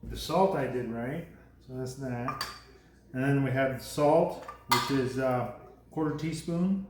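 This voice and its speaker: A man with a medium-pitched voice speaks slowly as he hosts a relaxed cooking demo at home, rambling and chuckling as he corrects his own slips. The kitchen sounds echoey, and background noise comes through clearly.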